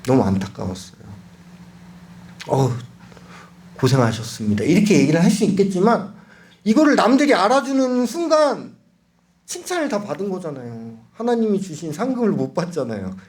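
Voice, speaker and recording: Man, preacher, sermon, fairly high voice, very lively pitch, dramatic loud and soft swings, asks the congregation questions. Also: brisk. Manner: lively, dramatic swings between loud calls and hushed lines; addresses the congregation directly with questions.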